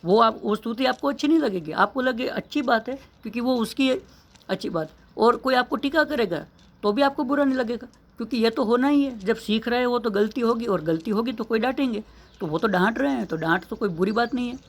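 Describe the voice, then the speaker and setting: A man's voice: very high voice, brisk. A man, an English teacher, giving an earnest motivational lesson, asking rhetorical questions and repeating key phrases.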